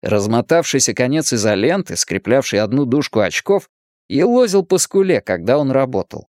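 Expressive male audiobook narrator. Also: mid-range voice, normal speed, dry recording, clean studio sound. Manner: lively, expressive reading. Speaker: audiobook reader. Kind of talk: scripted narration.

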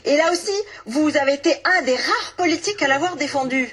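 A woman's voice: high-pitched, brisk, a bit bright. A woman interviewing a guest on the radio, pressing her questions persistently with a lightly teasing edge.

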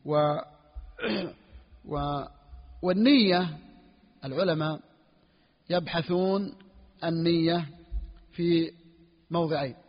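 A man teaching a lesson on Islamic jurisprudence, repeating key phrases and often asking his students whether it is clear. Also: fairly high pitch, takes it slowly, long pauses. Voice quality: husky, clears throat often. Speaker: sheikh teaching Hanbali jurisprudence. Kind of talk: classroom lesson explaining a fiqh text. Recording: dull recording with long hall reverb.

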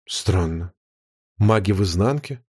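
A man voicing a calm, practical woman of a dragon clan with a dry, wry manner. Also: low voice, unhurried, husky, pitched below the performer's own voice, exaggerated voice.

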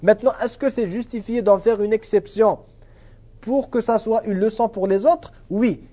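Speaking French laced with Arabic phrases, a man leads a religious class and responds to questions in a high-pitched, dark-toned voice at normal speed. He sounds earnest and repetitive, and the recording is dull and lo-fi.

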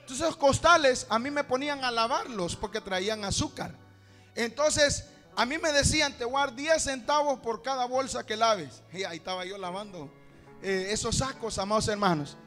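A man's voice: extremely high pitch, normal speed. A man from Honduras, preaching a folksy storytelling sermon and calling his listeners brother, with music playing underneath. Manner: folksy, keeps addressing the congregation as brother; builds to shouted praise at the end. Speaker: pastor.

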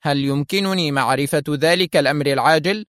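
A man's voice: a little high, brisk, fairly bright tone, no room sound, clean studio sound, close to an everyday voice. A man voicing a scheming office manager who is polite on the surface and turns sneering. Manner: smooth and courteous, then sneering. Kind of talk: audiobook character voice.

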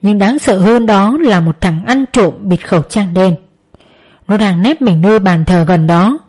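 A woman reads a dramatic story aloud. Her delivery is emotive and tense, and she speaks at an everyday pitch. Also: measured pace, darkish tone, breathy edge. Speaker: narrator.

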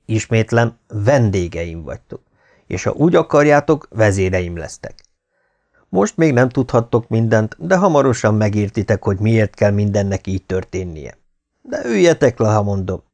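A man voicing a stately young Inca ruler in an audiobook, speaking in a measured, formal way. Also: fairly low pitch, sing-song, gravelly, a little mellow. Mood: solemn. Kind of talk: audiobook character reading.

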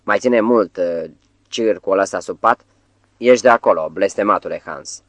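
A man voicing an imposing, mocking devilish master with a very deep, gravelly voice. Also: dry recording, natural voice. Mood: commanding.

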